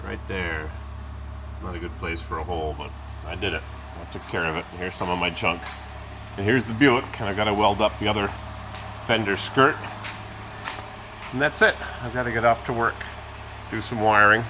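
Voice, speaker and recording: A man's voice: lowish voice, moderate pace, long pauses. A man narrating a casual vlog in an offhand, rambling way, in short phrases with asides. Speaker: car owner giving a tour of his vehicles. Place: vehicle warehouse. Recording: noisy, car engine idling in warehouse. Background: idling car engine.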